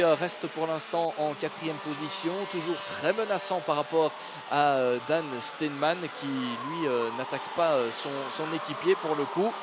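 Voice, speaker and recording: A male motorsport commentator calls a kart race live. His voice sits a bit high and his phrases are broken by frequent hesitations. Clear vehicle and outdoor noise runs behind him. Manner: hesitant delivery, frequently padded with drawn-out filler sounds. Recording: noisy trackside sound with engines. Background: outdoor ambience and vehicle noise.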